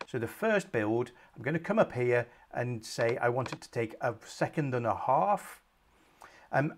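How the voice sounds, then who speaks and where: A middle-aged man, medium in pitch, records a software tutorial from his screen in a small home office. He talks through it calmly one step at a time, and ums come up often.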